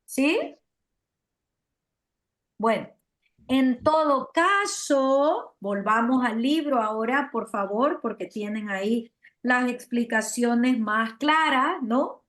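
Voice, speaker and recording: Woman teacher, lively delivery, voice a bit high. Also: slow. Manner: lively, asks "¿verdad o no?" and "¿sí?" to check understanding. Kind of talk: classroom lecture.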